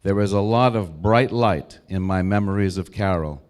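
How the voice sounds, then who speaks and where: An American man in his sixties delivering a prepared eulogy, telling memories in a measured, reflective way with short, deliberate phrases. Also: deep voice. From Brookline, Massachusetts, United States. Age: 60s. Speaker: eulogist, old school friend of the deceased.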